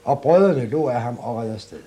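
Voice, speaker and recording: A man reading a fairy tale aloud as a storyteller, in an expressive, animated way. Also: mid-range voice.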